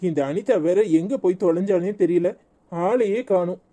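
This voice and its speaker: A woman's voice: fairly low pitch, normal speed, warm tone, natural voice. A woman voicing an anxious, protective young husband in a cartoon, speaking with a Tirunelveli Tamil accent in a pleading, flustered way. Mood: worried. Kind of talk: cartoon voice acting.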